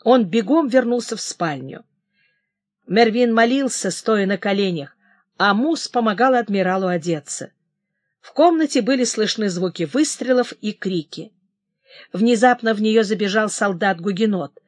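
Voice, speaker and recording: A woman's voice: mid-range voice, moderate pace, no room sound. Woman narrator, historical audiobook, dry close sound. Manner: steady dramatic reading. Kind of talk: scripted narration.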